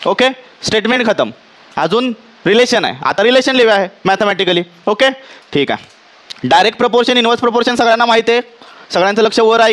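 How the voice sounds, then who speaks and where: A man with a Marathi accent teaching physics to a classroom, checking often whether students understand and dictating definitions slowly. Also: sits high, fairly bright tone. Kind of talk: classroom lecture.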